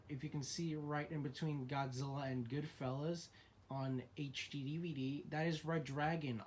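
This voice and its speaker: A man's voice: on the high side, a little hiss or hum. A young man in a casual vlog, talking through his horror movie collection in an opinionated, chatty way with frequent restarts.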